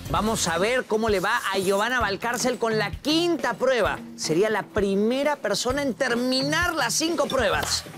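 A man's voice: very high voice, lively intonation, moderate pace, few pauses, over music. A man hosting a televised cooking competition, cheering contestants on in a playful, exclamatory way. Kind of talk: lively TV hosting. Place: TV studio kitchen set.

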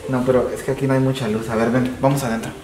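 A young man with a Mexican accent acting an excitable, scheming friend in a web comedy sketch, theatrical and slangy. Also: mid-range voice, rapid-fire, a little hiss or hum, close to an everyday voice. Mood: coaxing. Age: young adult. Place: indoors in a bare, hard-walled house room. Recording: roomy echo, music bed behind.

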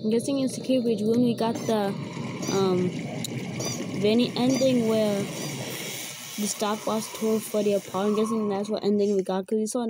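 A woman giving casual gameplay commentary, chatting and reacting out loud to what happens on screen. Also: medium pitch, fairly even intonation, moderate pace. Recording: loud background noise.

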